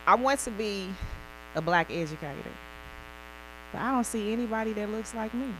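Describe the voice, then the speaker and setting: A woman giving a public presentation, speaking in deliberate, emphatic phrases and posing rhetorical questions. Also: medium pitch, expressive. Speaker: co-presenter, higher education speaker. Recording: clear electrical hum and buzz.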